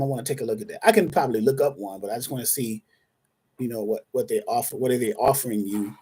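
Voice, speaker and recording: A man of medium pitch hosts a live online Q&A as a dispatcher trainer. He talks in a loose, chatty way, speaking to viewers by name and often restarting his sentences as he thinks aloud. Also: darkish tone, slightly rough.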